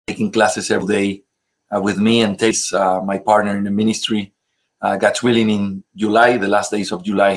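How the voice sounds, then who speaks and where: An Ecuadorian man, a native Spanish speaker with an Ecuadorian accent, is interviewed as a pastor and guest. His pitch is fairly low, and he speaks haltingly with many pauses and fillers.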